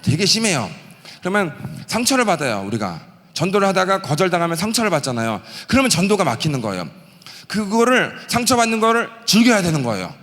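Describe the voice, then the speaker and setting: A man in his late thirties from Gyeongsang preaches a testimony sermon with a fairly high voice. He tells his story with animated energy and acts out every prayer and shout he quotes. Long reverb from the church sanctuary hangs on each phrase. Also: fast. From Gyeongsang region, South Korea. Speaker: pastor and missionary.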